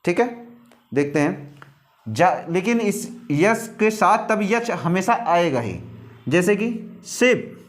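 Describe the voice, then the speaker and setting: A man teaching English letter pronunciation, slowly repeating words and asking questions he answers himself. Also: sits high, expressive. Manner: slow, repetitive, asks questions and answers them.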